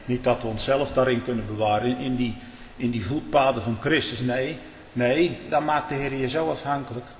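A man preaching a sermon, swinging from hushed prayer to loud fervent exclamations, with frequent rhetorical "hm?" asides. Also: mid-range voice, fairly even intonation, moderate pace, slight background noise. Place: church. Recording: echoey church hall.

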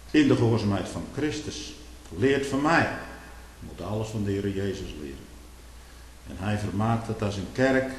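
A man preaching a sermon with impassioned, rising rhetorical questions and archaic biblical phrasing. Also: medium pitch. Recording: echoey hall, faint hiss.

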